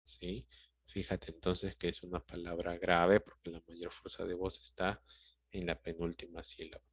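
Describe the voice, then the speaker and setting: A man's voice: sits low, completely flat delivery, moderate pace, breathy edge. A male teacher with a Peruvian Spanish accent patiently explaining a grammar lesson, often checking in with his students. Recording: dry, dull lo-fi sound.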